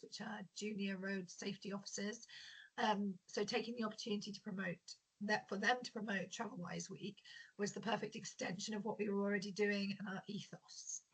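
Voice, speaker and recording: Hoarse woman teacher presenting. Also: mid-range voice, low-quality recording. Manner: steady, explanatory, with frequent ums. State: croaky, hoarse voice. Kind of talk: prepared presentation.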